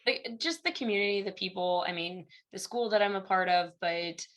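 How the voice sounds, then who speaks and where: In a mid-range, fairly bright voice at a moderate pace, a young Midwestern woman from Illinois talks as a guest in a relaxed interview. The university instructor tells stories chattily, acting out the conversations she quotes.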